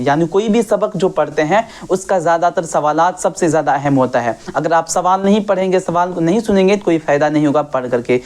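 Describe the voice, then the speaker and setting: A woman's voice: sits low, darkish tone. A woman teaching an online class, repeating key points and asking and answering her own questions while keeping up set phrases to her viewers. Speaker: Urdu teacher.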